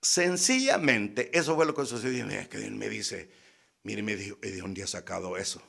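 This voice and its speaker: A man's voice: lowish voice, a little fast, creaky, fairly bright tone, slightly rough. A man preaching, telling a story and acting out both sides of a conversation with teasing emphasis. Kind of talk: sermon.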